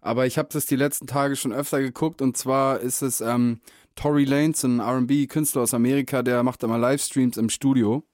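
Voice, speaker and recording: A man's voice: mid-range voice, fairly even intonation, a little fast, a little mellow, dry recording, clean studio sound. Slangy young man chatting casually. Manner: slangy, laid-back banter. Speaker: podcast co-host. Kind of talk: casual chat.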